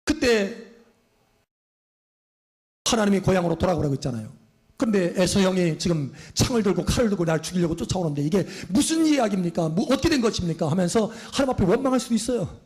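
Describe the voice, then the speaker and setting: A man's voice: sits high, animated, fast talker, darkish tone. A male pastor preaching a fervent sermon, often calling out hallelujah and putting questions to the congregation.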